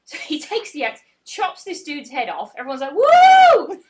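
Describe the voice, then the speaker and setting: A woman in her twenties casually retelling a folk tale on a podcast, sweary and giggly, dropping into quick voices for the characters. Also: high voice, sing-song, noisy background. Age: 20s. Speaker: podcast co-host.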